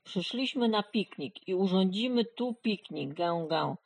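A woman's voice: mid-range voice, expressive, gravelly, darkish tone, low-quality recording. A woman voicing a bossy, haughty female goose in a children's storybook. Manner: haughty, commanding, slow.

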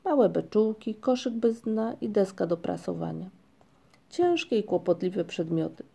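Woman narrator reading a storybook, gentle and even; gravelly, mellow tone. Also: mid-range voice, unhurried.

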